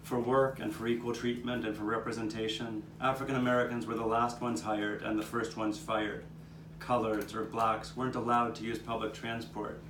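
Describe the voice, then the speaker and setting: The narrator of a puppet show lightly acts an earnest 1800s Philadelphia man recalling his neighbors' struggles, his medium-pitched voice flat and at normal speed. It's scripted first-person historical storytelling performed live in an outdoor courtyard. A distant mic makes it roomy, with noticeable background noise.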